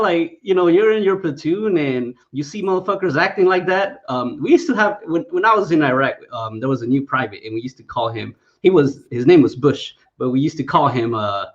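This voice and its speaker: A man's voice: on the high side, expressive, normal speed, fairly bright tone, muffled recording. A man in casual chat, swearing heavily and laughing often while telling army stories. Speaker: veteran discussion guest.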